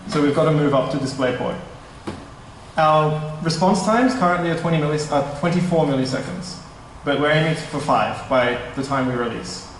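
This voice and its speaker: A young startup presenter with a fairly high voice speaks at a moderate pace during a conference talk at a meetup. His manner is easygoing, a touch nervous, and self-correcting. The stand mic is far away in a big indoor hall, so the audio echoes and carries a little hiss or hum.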